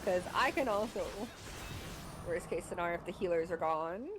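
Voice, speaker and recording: A woman streaming an online game, chatting casually with a co-player, excitable and giggly with plenty of swearing. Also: lowish voice, moderate pace. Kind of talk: casual live gameplay chat. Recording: noisy stream audio.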